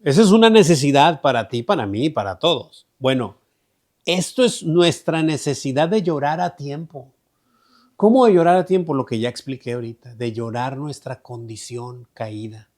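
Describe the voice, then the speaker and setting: A man leads an online Bible study. His voice is mid-pitched, and he explains scripture in a loose, conversational way. He repeats phrases and often checks with his listeners. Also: animated, moderate pace, a little mellow. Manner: conversational, repeats himself, asks "¿verdad?" often. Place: online group meeting.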